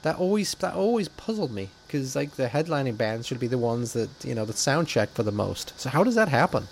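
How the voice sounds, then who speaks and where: A man's voice: medium pitch, very animated, fairly quick, creaky, a little hiss or hum. A man co-hosting a podcast, with wry, joking remarks and casual swearing in a casual chat. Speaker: podcast co-host.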